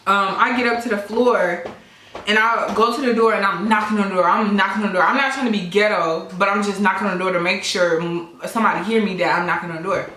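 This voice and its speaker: A woman's voice: medium pitch, fast talker, slight background noise. A young adult woman vlogger telling a casual story while eating, speaking straight to her viewers and acting out other people's voices. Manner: animated storyteller who addresses viewers directly. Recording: echoey room.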